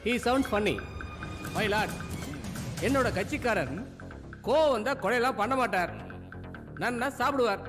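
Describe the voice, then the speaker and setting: Fussy comic lawyer, high and bouncy, long echo, music under it. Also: male voice, animated, unhurried, long pauses. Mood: pompous. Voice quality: theatrical, mixes English into pleading. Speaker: comic defense lawyer in court. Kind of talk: film comedy acting.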